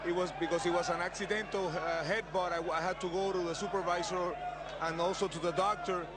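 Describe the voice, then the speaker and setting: Rapid male interpreter, slightly high voice. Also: fairly even intonation. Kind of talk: live consecutive interpreting. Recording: arena crowd and background noise.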